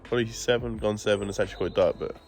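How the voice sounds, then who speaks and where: A man with a lowish, darkish-toned voice races through a step-by-step explanation of his garden build, with faint music behind him. It's a chatty, casual DIY vlog update filmed outdoors on a phone camera, and he sounds congested, with a stuffy nose.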